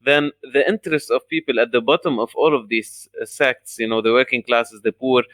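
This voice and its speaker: A man co-hosting a podcast, speaking analytically with frequent "uh" pauses. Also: medium pitch, fairly even intonation, a bit bright, no echo. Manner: fluent, many "uh" pauses, analytical. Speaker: podcast co-host. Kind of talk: podcast discussion.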